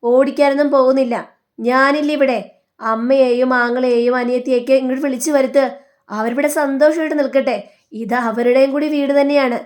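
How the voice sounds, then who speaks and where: A woman's voice: sits high, steady tone, moderate pace, close to an everyday voice. A woman reading the lines of a reassuring young husband in a TV serial recap, firm and protective.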